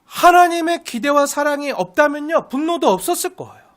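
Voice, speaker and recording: A woman pastor delivering a sermon in a high voice. She poses questions to the congregation and answers them herself, stressing key words with emphasis. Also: animated, brisk. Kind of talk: expository sermon.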